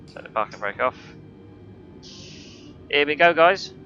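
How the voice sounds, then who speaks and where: A man making brisk, clipped pilot callouts from a simulated cockpit, talking into a headset mic. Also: on the high side, lively intonation, pushed and bright, muffled recording, slight background noise. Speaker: flight sim streamer playing pilot.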